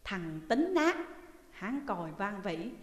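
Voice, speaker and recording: A woman voicing a hoarse, foul-mouthed adult male prisoner with a coarse manner. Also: mid-range voice, very animated, takes it slowly, reverberant, in a large hall. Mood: scornful.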